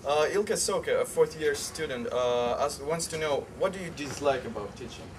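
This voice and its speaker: A man with a fairly high voice hosts an interview and asks light, teasing questions. He sits some way from the mic. Faint background noise runs under his voice. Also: animated, moderate pace, far from the mic. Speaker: interview host.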